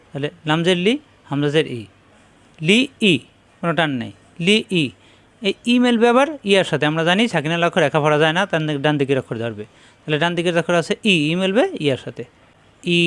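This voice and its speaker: A man teaching Quran reading, spelling Arabic words out syllable by syllable and slowly repeating each sound with patient drilling. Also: a little high, a bit bright, clear, resonant tone.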